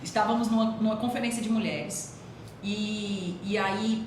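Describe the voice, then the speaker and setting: A woman with a Brazilian Portuguese accent, co-hosting a casual faith podcast and telling stories with lively laughter. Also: medium pitch, measured pace. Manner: animated storyteller, laughs often. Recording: echoey room, distant mic, noisy.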